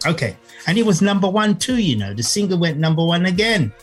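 A man explaining as a knowledgeable guest, halting in phrases and repeating points for emphasis. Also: high-pitched, very animated, slightly rough, soft background music. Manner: halting, emphatic repetition, checks with "right?" and "you see". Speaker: guest music author and historian. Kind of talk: explanatory conversation.

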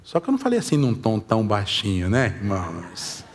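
A man preaching with a Brazilian accent, telling a personal story in his sermon, swinging from loud, raised passages to hushed confession. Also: lowish voice, huge pitch swings, a little fast. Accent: Brazilian Portuguese. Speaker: pastor.

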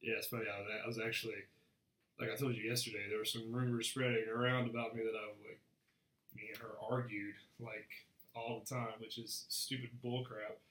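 A man's voice: mid-range voice, little pitch movement, brisk, fairly bright tone, roomy sound. A young man co-hosting a casual faith podcast, frank and earnest, often repeating words as he starts a sentence. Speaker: podcast co-host.

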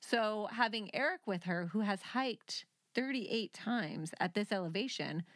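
Female true-crime podcast host. Medium pitch, casual storyteller who explains and teases, recorded dry. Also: expressive, a little slow, a bit bright, no echo.

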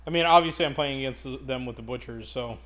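A man co-hosting a casual podcast chat, telling animated, profanity-laced stories about his games. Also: medium pitch, fast. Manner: animated, profane ranting storyteller. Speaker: podcast co-host.

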